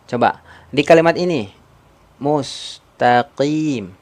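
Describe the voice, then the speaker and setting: On a live stream, a man teaches the rules of Quran recitation, a tajwid lesson. His voice is medium-pitched and moderately paced, and he repeats his points and quizzes his viewers.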